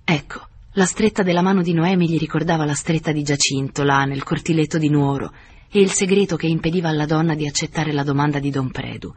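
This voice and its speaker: A man reading literary narration for an audiobook in a measured, steady way. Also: a little high, slightly rough. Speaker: audiobook reader.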